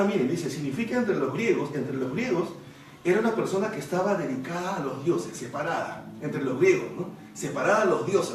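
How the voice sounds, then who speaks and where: A man preaching in a church hall with a slightly high voice, his words ringing around a very echoey room. The mic sits well away from him, and a faint hum of room noise lies under his explanatory, questioning style. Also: recorded from a distance. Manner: explanatory, asks rhetorical questions. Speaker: pastor. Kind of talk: bible study sermon.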